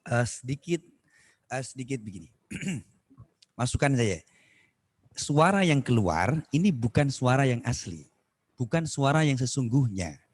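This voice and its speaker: A man teaching Quran recitation on a video call, correcting students and demonstrating verses in a slow, drawn-out chant. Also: medium pitch, big pitch swings. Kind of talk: online Quran recitation lesson.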